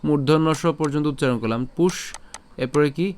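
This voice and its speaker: A man with a Bengali accent teaching Sanskrit pronunciation in an online lesson, breaking words into syllables patiently and slowing right down to chant each verse. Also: medium pitch, a little hiss or hum. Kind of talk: online lesson with slow recitation.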